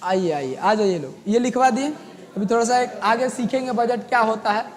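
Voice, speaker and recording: A hoarse male teacher lecturing a classroom and dictating notes, repeating each line slowly and hushing the students. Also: high voice, big-room sound. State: hoarse, sore throat.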